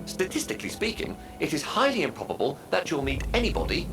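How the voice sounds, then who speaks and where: A man's voice: a little high, huge pitch swings, fast talker, creaky, over music, full character voice. A man playing a prim, literal-minded, loyal robot companion in a video game, with a formal, pedantic manner. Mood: reassuring, pedantic. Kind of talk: stylized video game character acting.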